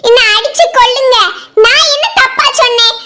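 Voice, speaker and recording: A performer voicing a wounded, defiant wife in a cartoon family drama, shouting and sobbing as she refuses to back down. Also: very high-pitched, normal speed.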